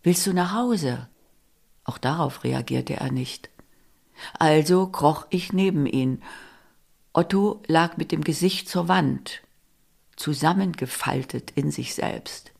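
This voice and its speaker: A woman reading a novel excerpt aloud in measured, intimate first-person narration. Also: sits low, vocal fry, a little mellow. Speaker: reader.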